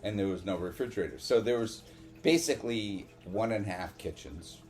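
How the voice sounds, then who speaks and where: A man co-hosting a casual podcast chat, rambling and halting, swearing now and then. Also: lowish voice, a little mellow, soft background music. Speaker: podcast co-host.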